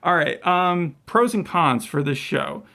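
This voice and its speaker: A man's voice: a little high, unhurried, creaky. A man co-hosting a podcast, chatting casually and animatedly about a reality show episode. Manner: animated, quotes people in lively voices. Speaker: podcast co-host. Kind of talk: casual review chat.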